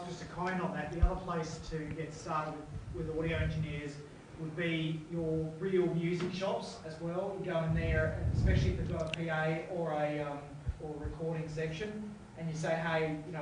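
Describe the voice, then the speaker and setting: A man's voice: a little high, flat delivery, brisk. A man in the audience making a plain, matter-of-fact comment to the speaker. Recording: distant, very echoey room with noise.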